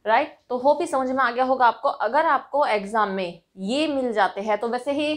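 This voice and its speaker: A woman's voice: fairly high pitch, normal speed. A woman with an Indian accent, teaching English grammar for competitive exams, explaining patiently and checking in often. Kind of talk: exam-prep grammar lesson.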